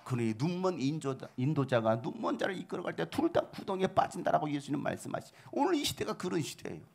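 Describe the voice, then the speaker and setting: A middle-aged male pastor preaching, full of rhetorical questions and sudden shouted outbursts, with a gravelly voice. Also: fairly high pitch, very animated, fast talker. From South Korea. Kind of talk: sermon.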